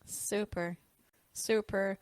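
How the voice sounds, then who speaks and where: A woman's voice: medium pitch, steady tone, extremely slow, no echo. A woman hosting an interview podcast, affirming her guest and steering the conversation. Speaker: podcast host.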